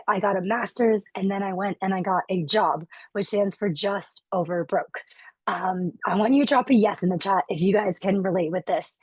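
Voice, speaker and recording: Woman with a worn-out voice pitching live. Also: no room sound. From Florida, USA. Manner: upbeat, addresses the chat directly. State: losing her voice. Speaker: webinar presenter. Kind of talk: live online sales pitch.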